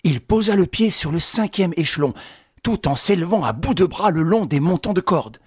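A man's voice: high-pitched, animated, normal speed, darkish tone, husky, dry recording, studio quality. A man reading a novel aloud in a dramatic audiobook style, lifting his voice with the action. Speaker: narrator.

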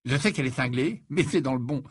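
A man's voice: mid-range voice, fast talker, slightly rough, no room sound, natural voice. A man voicing a teenage schoolboy who talks casually with a slightly nervous edge. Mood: amused. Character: teenage schoolboy, amused and a bit awkward.

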